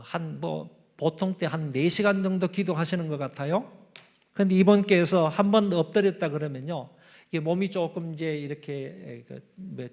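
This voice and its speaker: A man preaching at a church revival service, emphatic, with loud repeated calls to the congregation. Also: a little high. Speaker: pastor. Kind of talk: revival sermon.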